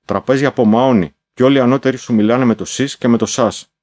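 A man's voice: medium pitch, darkish tone, no echo. A man reading a novel aloud as a first-person diary, in a confiding, musing manner with exclamatory asides. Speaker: audiobook narrator.

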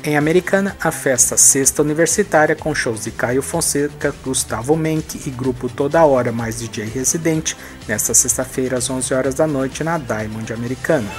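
A man's voice: medium pitch, normal speed, hardly any pauses, faint music behind. A man in his thirties hosting a regional events show, reading listings and birthday greetings in an upbeat, friendly way on a headset mic. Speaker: host. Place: indoors against a plain bright wall.

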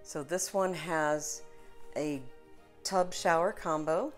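A middle-aged woman with a low voice leads a home tour as a real estate agent, upbeat and salesy. She records on a phone held at arm's length. Faint music plays underneath. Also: slow. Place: inside a house, then a kitchen. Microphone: phone camera, held at arm's length.

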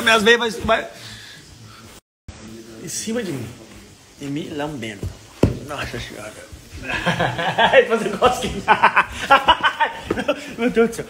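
A man chats in a casual, teasing vlog, his voice high and swinging widely in pitch. He jokes as he talks. Faint noise sits under the recording. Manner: lively, teasing and laughing with animals. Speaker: vlogger.

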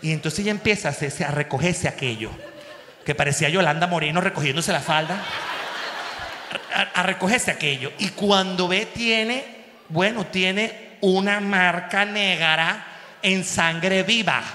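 A Venezuelan man in his forties, a comedian host telling a story on stage in an animated way, with crude slang and sound effects. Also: high-pitched, measured pace. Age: 40s. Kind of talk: stand-up storytelling. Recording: echoey hall.

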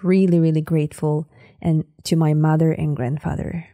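As a podcast guest, this native Sakha speaker from Siberia's Sakha Republic talks conversationally with a Sakha accent, frequently hunting for words and using fillers. She speaks at normal speed with a low, warm voice and level tone. The recording is dry and studio quality.

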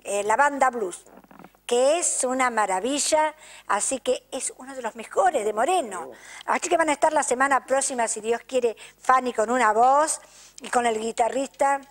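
An older woman with an Argentine accent hosts her local TV program in a high, bright voice. She chats effusively to the viewers and keeps tagging her sentences with "¿eh?". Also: moderate pace. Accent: Argentine Spanish. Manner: chatty, effusive, keeps asking "¿eh?". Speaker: TV show host. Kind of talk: casual chat, thanking sponsors to camera. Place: local TV studio.

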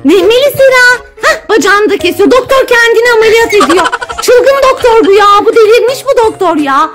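High, lively playful young mother. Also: a little fast. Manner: playful, coaxing and narrating a pretend doctor game. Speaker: mother playing with her children. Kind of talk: casual family play. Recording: music playing under the voice.

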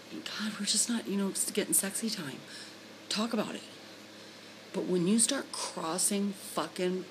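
Brief: middle-aged woman, lowish voice, heated profane home-vlog rant, close phone mic, faint hiss. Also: low-quality recording. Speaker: vlogger, trucker's wife. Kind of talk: ranting vlog to camera. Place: home room indoors. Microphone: phone camera held close.

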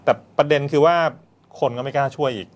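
Fast-talking male news host. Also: mid-range voice, fairly even intonation, muffled recording. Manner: brisk, conversational, reacting. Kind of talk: casual news chat.

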